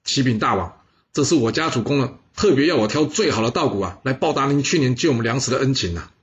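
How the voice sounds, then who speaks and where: A man voicing a clever, deferential court advisor in a storytelling recording, talking calmly and reassuringly. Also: mid-range voice, quick pace, dull audio, a little hiss or hum, close to an everyday voice.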